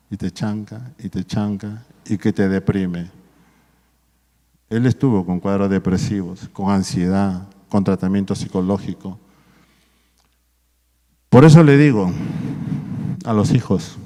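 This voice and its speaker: A man's voice: fairly low pitch, mellow. A man preaching a sermon, exhorting his listeners as brothers and tagging his points with questions. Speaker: pastor. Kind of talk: sermon at a marriage workshop. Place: church hall. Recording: long hall reverb.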